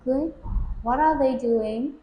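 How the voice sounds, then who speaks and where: High-voiced woman examiner, echoey room. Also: takes it slowly, dark tone, slight background noise. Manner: patient, prompting, models full sentences for repetition. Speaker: English speaking-test examiner. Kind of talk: questioning a young learner in a speaking test.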